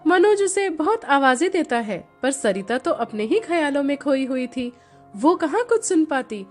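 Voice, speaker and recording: A woman telling a moral story in an expressive, animated storybook narration. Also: high voice, moderate pace, faint music behind.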